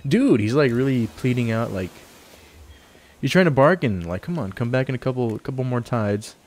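A man's voice: medium pitch, lively intonation, normal speed, darkish tone. A young man giving laid-back, rambling let's play commentary as a game streamer, with casual swearing. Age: young adult. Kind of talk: casual let's play commentary, some dialogue read aloud.

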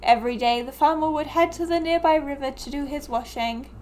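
A woman streamer gives playful, jokey storybook narration. Her voice is high, and she giggles at her own asides. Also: brisk, slight background noise. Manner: giggly, joking.

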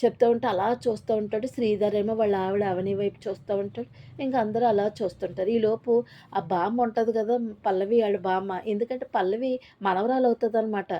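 A woman's voice: mid-range voice, fairly even intonation, a little fast. A woman casually retelling a TV serial episode, quoting the characters' lines in her own plain voice, with frequent fillers and self-corrections. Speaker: TV serial recap narrator. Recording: slightly dull lo-fi audio.

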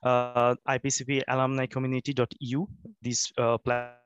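A man's voice: mid-range voice, completely flat delivery, moderate pace, clear, resonant tone, dry recording, highs cut off. A man representing an alumni association, giving a hesitant remote presentation with many fillers and restarts, sleepy from jet lag.

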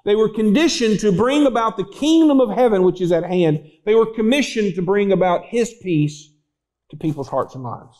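A man's voice: high voice, animated, moderate pace, darkish tone, low-quality recording. A man preaching a sermon as pastor, telling stories and acting out voices in them. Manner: storytelling, acts out voices in anecdotes. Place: church.

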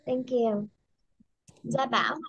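A woman teaching English pronunciation in an online class over a video call. She patiently models each word slowly and clearly. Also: a little high, steady tone, a bit bright, lo-fi sound, slight background noise.

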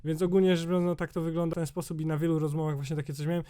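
A young man in his twenties talks in a rambling, sweary vlog rant. His voice sits a bit higher than most men's but has a dark, mellow colour. A sore throat leaves it slightly hoarse. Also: little pitch movement, racing. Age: 20s. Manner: rambling, sweary, exasperated, many fillers. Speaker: YouTuber.

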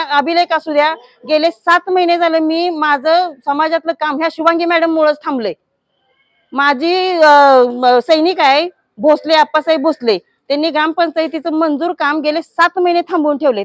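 Indignant high-voiced woman village head. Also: dry recording. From Maharashtra. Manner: indignant, forceful complaint. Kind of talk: statement to news media. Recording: dull lo-fi news recording.

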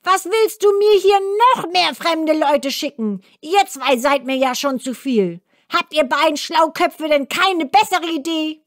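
A woman voicing a rude, impatient ancient male dwarf in a children's storybook reading, yelling and scolding. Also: lively intonation, no echo, studio quality. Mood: outraged. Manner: shrill yelling, scolding, rushed.

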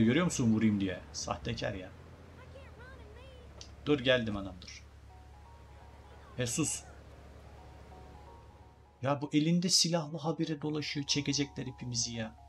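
A man's voice: medium pitch, normal speed, long pauses, faint music behind. Joking Turkish let's-play commentator man. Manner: joking, chatty, talks to viewers as guys. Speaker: gaming YouTuber.

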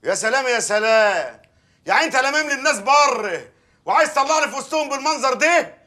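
Husky fast-talking village mayor, bright edgy tone. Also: male voice, extremely high pitch, animated, exaggerated voice. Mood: angry. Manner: coaxing, wheedling, then blustering. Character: pushy flirtatious village mayor, middle-aged man. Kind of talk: television drama acting.

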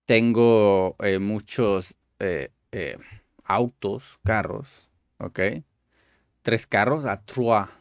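A man's voice: fairly low pitch, drawn-out words, smooth, no echo, clean studio sound. A young man hosting his channel, casually commenting and translating language-app stories aloud, thinking aloud with lots of fillers.

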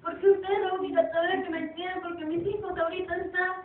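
A woman's voice: extremely high pitch, flat delivery, fast, slight background noise. Young woman playing a tearful pleading mother. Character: worried, pleading widowed mother. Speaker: church youth actor. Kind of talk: amateur church stage play. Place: church hall. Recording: distant, echoey, tinny.

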